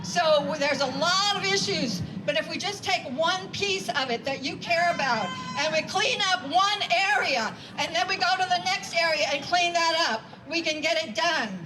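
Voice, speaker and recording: A woman's voice: very high voice, lively intonation, moderate pace, hardly any pauses, background noise. A woman giving an emphatic, rousing rally speech to a crowd, repeating phrases for effect. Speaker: rally speaker and community organizer.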